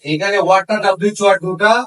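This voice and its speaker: A man's voice: high-pitched, fairly even intonation, racing, far from the mic, poor audio. A man teaching a class how to form English questions, switching between Bengali and English and quizzing his students. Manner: asks the class questions and repeats answers.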